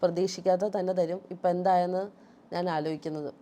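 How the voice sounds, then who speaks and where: A woman's voice: fairly low pitch, little pitch movement, fast, dark tone. A woman vlogger with a Malayali accent, telling viewers a personal story in an aggrieved, emphatic way.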